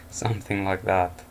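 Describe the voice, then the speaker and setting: A low-pitched man, yawning and worn out, reads the night's headlines as casual news commentary from home, with offhand asides and chuckles. A little hiss or hum can be heard.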